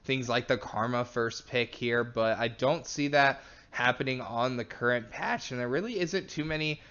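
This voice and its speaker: A man's voice: medium pitch, moderate pace, bright, forceful tone, muffled recording. A man casting an esports match, chatty and analytical, laughing now and then. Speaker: esports caster. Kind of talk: play-by-play commentary.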